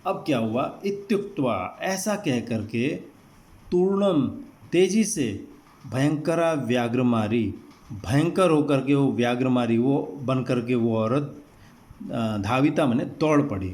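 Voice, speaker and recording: A male teacher explaining a classroom text line by line, slowly glossing each word and repeating meanings. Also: medium pitch, lively intonation, darkish tone. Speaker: Sanskrit teacher.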